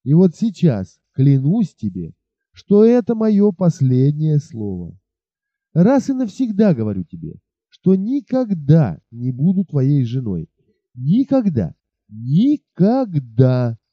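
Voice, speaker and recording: A man voicing a proud, defiant young peasant woman in an audiobook, raising his voice to a high girlish pitch. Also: very animated, normal speed, no echo, dull audio. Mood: scornful, defiant. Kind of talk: audiobook character voice.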